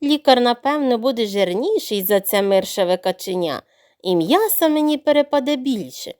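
A woman voicing a greedy male crocodile in a storybook, moaning and wailing in long, drawn-out groans. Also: on the high side, animated, a little mellow, lightly acted. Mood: greedy, cross.

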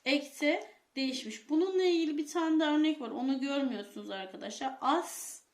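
A woman's voice: sits high, a little fast, a little mellow, reverberant. A woman teacher giving a grammar lesson to schoolchildren, asking them questions and repeating the key points. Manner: addresses pupils as friends, repeats key points, asks quiz questions. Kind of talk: classroom lesson for children.

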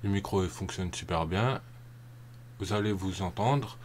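Rambling low-voiced man explaining. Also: measured pace, slight background noise. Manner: rambling, repeats himself, frequent hesitations. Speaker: tutorial narrator. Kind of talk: casual screen-recording tutorial voice-over.

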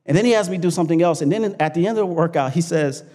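A male pastor delivering a sermon in a fairly high voice. He climbs into loud, emphatic peaks on key lines, then drops back into an easy, chatty storytelling tone. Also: racing, big-room sound. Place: church.

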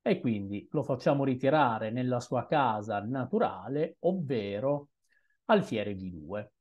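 Slow-talking man musing over moves. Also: medium pitch, expressive, darkish tone, dull audio. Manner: unhurried, musing, hesitant asides. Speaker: chess streamer. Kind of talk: thinking-aloud game commentary.

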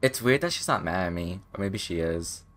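A man's voice: low-pitched, lively intonation, a little fast, fairly bright tone. A young man doing casual, rambling, profane gameplay commentary as a streamer. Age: young adult. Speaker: game streamer.

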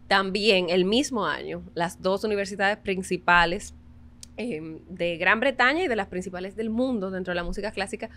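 Young dominican woman chatting in an interview, animated, earnest, laughs a lot, dominican accent. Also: on the low side. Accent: Dominican Spanish. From Dominican Republic. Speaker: guest violinist. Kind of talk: casual interview storytelling.

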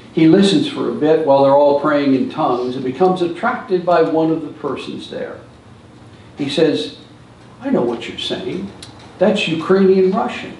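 An older man gives a church seminar talk, telling stories from a lectern in a big hall and gesturing as he goes. His voice is slightly high, gravelly and somewhat mellow, recorded from a distance in an echoey room with a faint hiss or hum.

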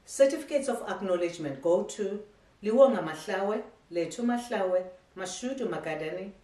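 A middle-aged South African woman who heads an academy reads a formal, ceremonial graduation speech aloud in a measured way, stumbling slightly. Her voice has a medium pitch, lively intonation and a dark tone. Recorded at home in a living room by a camera across the room, she sounds distant in an echoey space.

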